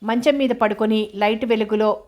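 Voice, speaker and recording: A woman narrating a novel in a steady, even storytelling manner. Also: a little high, moderate pace. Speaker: audiobook narrator. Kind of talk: novel reading.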